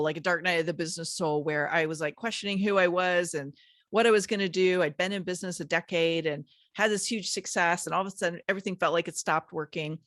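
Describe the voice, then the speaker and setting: A woman's voice: on the low side, fairly bright tone, no room sound, clean studio sound. A woman business coach talking as an interview guest, conversational and loose, with many "like" fillers. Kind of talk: casual interview chat.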